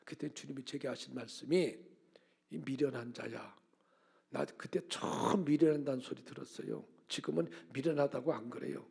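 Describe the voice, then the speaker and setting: A man in his seventies, a senior pastor giving a Sunday sermon, swinging between loud emphatic preaching and hushed whispers and putting folksy questions to the congregation. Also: mid-range voice, fairly quick, gravelly, hardly any pauses, slightly rough. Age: 70s.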